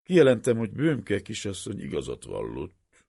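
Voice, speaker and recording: A man voicing a calm, serious male professor who makes firm, principled declarations. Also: low voice, dry recording, clean studio sound, exaggerated voice.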